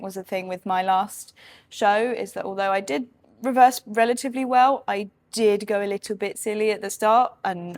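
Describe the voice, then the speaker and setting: A tired woman, rambling casually in a vlog with lots of fillers and soft laughs. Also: mid-range voice. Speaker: vlogger and fitness competitor in contest prep. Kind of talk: casual vlog talk to camera.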